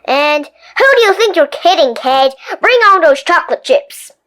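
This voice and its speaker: A woman voicing a loud, demanding male sweet tooth that wisecracks and nags for sweets. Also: sits high, expressive, normal speed, voice pushed up. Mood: pushy. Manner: brash, wisecracking, nagging.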